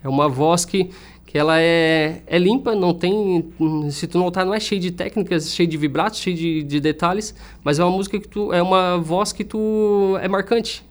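A man's voice: sits high, normal speed. A young man, a music teacher and singer talking earnestly as an interview guest, often restarting his sentences. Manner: earnest, reflective, with frequent restarts.

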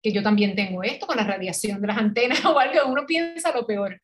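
A woman's voice: mid-range voice, fairly quick. A middle-aged woman with a Puerto Rican Spanish accent, a podcast guest telling her story in casual conversation, acting out quoted dialogue and laughing often.

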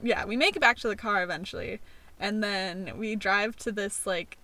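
A woman's voice: medium pitch, normal speed, bright, forceful tone. A young American woman co-hosting a podcast from inside a car, telling travel stories in a casual, giggly, filler-heavy way. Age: young adult. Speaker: podcast co-host.

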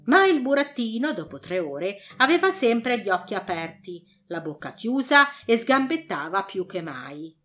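A woman's voice: mid-range voice, unhurried, hardly any pauses, soft background music. Woman reading a storybook expressively. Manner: animated, dramatic. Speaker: audiobook narrator.

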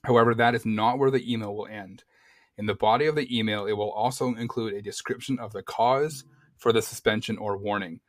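Low-voiced man, dry close sound. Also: steady tone, a little fast, dry recording. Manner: easygoing, reads posts aloud, many ums. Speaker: podcast co-host. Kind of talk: casual chat.

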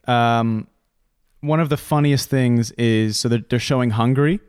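A man co-hosting a casual podcast chat, full of teasing banter and quick laughs. His voice sits at an ordinary middle pitch. It is recorded close up, with a dry sound and no room echo. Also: a little mellow, clean tone. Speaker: podcast co-host.

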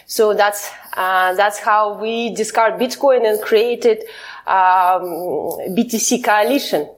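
A woman from Kazakhstan, a lawyer and human rights advocate, answering interview questions in a measured way with frequent hesitations. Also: medium pitch, rough recording.

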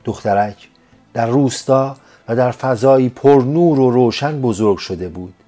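Male narrator, measured audiobook reading, mid-pitched voice, faint music bed underneath. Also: dark tone. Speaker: storyteller.

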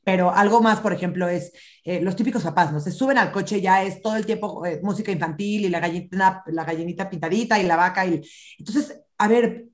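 A woman, a parenting expert, explaining child development in an animated podcast chat and acting out children's lines. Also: lowish voice, brisk.

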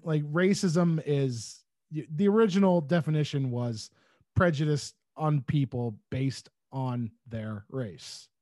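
A man's voice: a little high, slow pace, darkish tone, no room sound. A man joining a podcast as a guest, chatting casually with wry humor. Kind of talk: casual political chat.

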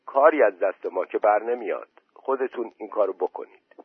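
A man's voice: lowish voice, breathy edge, dry recording. Weary village aunt, as a man reads her. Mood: resigned. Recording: dry tinny phone-like voice message.

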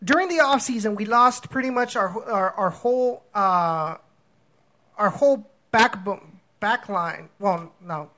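A man's voice: high voice, a little slow, bright, forceful tone. Man, soccer podcast co-host, casual chat, rambling, many fillers. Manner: rambling, frequent restarts and fillers.

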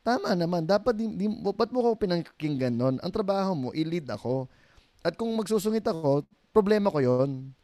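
With a high voice at a moderate pace and no room sound, a middle-aged Filipino pastor swaps stories as a guest on a laid-back podcast. He animatedly acts out the quoted voices and laughs without effort.

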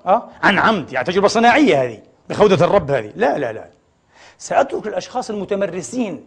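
A middle-aged male preacher delivers a sermon in a mosque, his voice pitched high and slightly husky. He talks at a rapid clip, tossing rhetorical questions to the congregation and calling them brothers. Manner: fills pauses with rhetorical "what?" questions to the congregation; often addresses the audience as brothers. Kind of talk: Friday sermon lecture. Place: mosque prayer hall.

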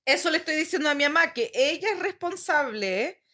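A woman's voice: high voice, lively intonation, fairly quick, bright, forceful tone. A young Chilean woman, a daughter, blunt and skeptical in a casual family chat. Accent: Chilean Spanish.

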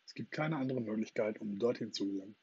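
A husky man voicing a boastful, playful boy in a storybook reading, talking in a lively, triumphant way, on a dull lo-fi recording. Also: fairly low pitch, quick pace. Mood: cheery. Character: boastful playful boy who never grows up.

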